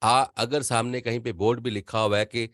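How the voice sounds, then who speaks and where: A man's voice: mid-range voice, level tone, fairly bright tone, no room sound, clean studio sound. An older man whose first language is not Urdu gives an online voice-over class, earnest and rambling. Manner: earnest, rambling, drops into quick impressions. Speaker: voice-over teacher.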